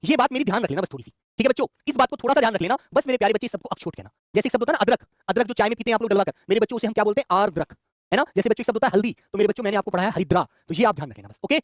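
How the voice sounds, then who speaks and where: Fast-talking man teaching Hindi grammar. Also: high-pitched, animated, no echo, clean studio sound. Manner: affectionate, addresses students as children, repeats questions. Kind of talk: exam-prep Hindi grammar lesson.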